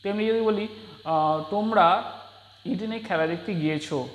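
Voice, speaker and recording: A man teaching a spoken English lesson in Bengali, patiently repeating example sentences in slow drills. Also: high voice, a little hiss or hum. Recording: echoey room with long reverb.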